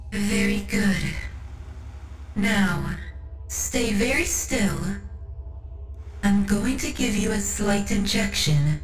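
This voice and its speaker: Slow, solemn cyborg priestess acted by a woman. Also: medium pitch. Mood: tender, reassuring, then calm, commanding. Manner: soothing, reverent, formal, deliberate. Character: devout cyborg tech-priest woman, motherly, solemn, zealous mentor. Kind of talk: ASMR roleplay, scripted monologue. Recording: roomy reverb with music underneath. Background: music.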